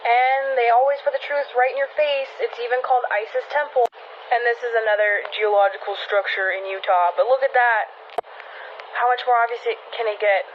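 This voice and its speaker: A woman talking casually and excitedly over pictures, sharing theories in quick, conspiratorial bursts. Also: fairly high pitch, highs cut off, slight background noise. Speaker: social media creator.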